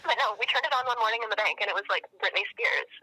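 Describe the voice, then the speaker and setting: A woman's voice: fairly high pitch, racing, pushed and bright, slightly rough, no room sound, low-quality recording. A woman calling in, heard over a phone on speakerphone, with a wry, teasing way of talking. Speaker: caller.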